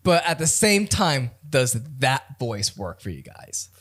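A podcast co-host chatting casually, agreeable and quick to laugh. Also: mid-range voice, big pitch swings, a bit bright, breathy edge. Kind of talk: casual chat.

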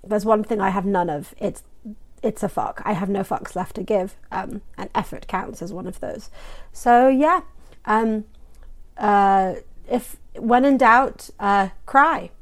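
A woman's voice: medium pitch, normal speed. A young woman co-hosting a podcast, chatting casually, swearing freely and laughing often. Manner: swears freely, giggly and animated. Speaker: podcast co-host. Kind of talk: casual chat.

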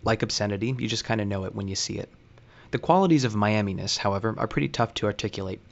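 Dry, wry low-voiced male host. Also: quick pace, gravelly, muffled recording. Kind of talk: scripted narration.

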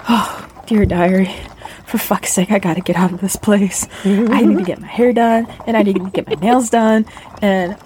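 A woman plays a vain popular girl in a tabletop game, whining and gossiping as if to a diary. Her mid-pitched voice is huffy and casual, with some noise behind it. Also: steady tone, normal speed, a little mellow, close to an everyday voice. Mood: huffy, gossipy. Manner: whiny, huffy, valley-girl filler talk. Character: vain, sassy popular party girl griping to a video diary.

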